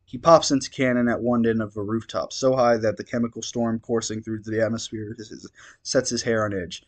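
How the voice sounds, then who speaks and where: A man's voice: lowish voice, steady tone, a little fast. A man reading fan fiction aloud, stumbling over words now and then and adding wry asides. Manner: reads steadily, stumbles and adds wry asides. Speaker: reader.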